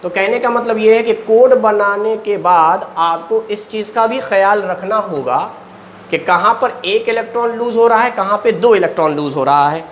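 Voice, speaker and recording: A man's voice: high voice, normal speed, slight background noise. A man teaching a chemistry lesson in speech, explaining step by step and answering his own questions. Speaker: coaching teacher. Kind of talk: classroom lecture at a board.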